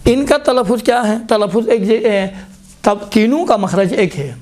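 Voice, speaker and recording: This lesson in Quran recitation is led by a man whose voice sits high, with lively intonation and a somewhat dark tone. Teaching in a classroom, he describes how each letter is formed, repeatedly voicing the sounds aloud while urging "look."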